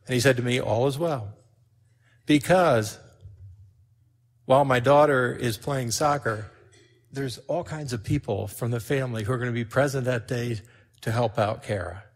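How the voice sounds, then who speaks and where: An older man preaching a sermon, telling a personal story with lively swings in loudness. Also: mid-range voice, normal speed, pauses often.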